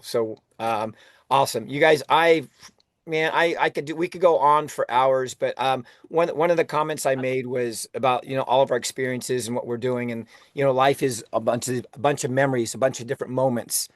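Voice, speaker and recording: A man's voice: mid-range voice, dry recording, studio quality. A man hosting a motivational team call, enthusiastic and often laughing, restarting his words as he goes. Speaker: host of a weekly team call.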